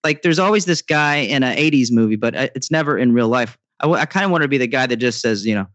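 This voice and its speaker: A man's voice: mid-range voice, animated, quick pace, fairly bright tone, no echo. A man who is a guest songwriter on a podcast, telling stories casually with self-mocking asides and stammering restarts. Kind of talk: casual chat.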